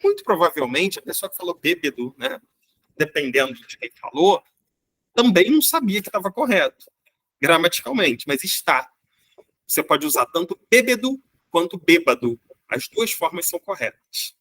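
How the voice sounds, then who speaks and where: High, bright-voiced Brazilian man teaching. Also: big pitch swings, normal speed, husky, dry recording. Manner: explains patiently, asks "né?" and "tá?" often. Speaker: Portuguese teacher. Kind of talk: online grammar lesson.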